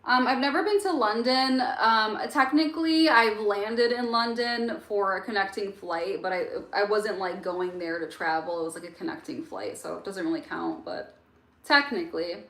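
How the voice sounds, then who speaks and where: During a late-night stream, a young woman born in Egypt answers questions from chat in a casual, filler-heavy way. Her voice is mid-range and fairly bright at a moderate pace, with a roomy echo and faint music in the background.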